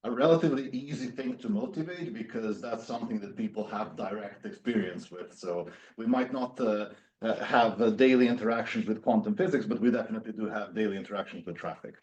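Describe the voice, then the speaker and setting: A man's voice: fairly low pitch, a little fast, a little mellow. A man in his thirties from Serbia, giving an academic lecture with many fillers and restarts. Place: university seminar room.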